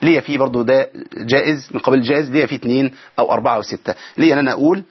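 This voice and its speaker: A man's voice: mid-range voice, racing, slightly rough, lo-fi sound. A man with an Egyptian accent teaching Quran recitation on a broadcast program from a studio. He explains each rule and keeps asking rhetorical questions to the audience. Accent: Egyptian Arabic. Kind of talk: broadcast tajweed lesson.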